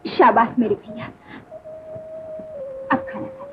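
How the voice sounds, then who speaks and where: A high, lively female voice, a devoted young sister-in-law who begs and coaxes with theatrical insistence. It has the tinny, phone-thin sound of an old 1950s film print with a faint hiss underneath. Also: slow, music in the background, exaggerated voice. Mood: coaxing. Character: gentle, stubborn young bhabhi who tames her drunk brother-in-law. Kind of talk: 1950s Hindi film acting.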